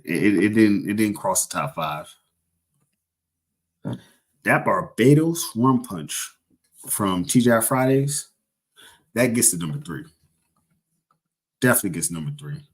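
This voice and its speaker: A man's voice: fairly low pitch, very animated, measured pace, long pauses, slightly rough. A young man casually chatting on a livestream, rambling and joking as he corrects himself mid-sentence. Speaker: livestream host.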